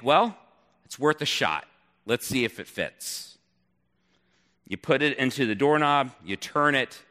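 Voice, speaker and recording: A man tells a story in the second person, with an expressive delivery and dramatic pauses. His voice is bright and lively and moves at an unhurried pace. A long reverb from a large hall hangs around every phrase. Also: sits high.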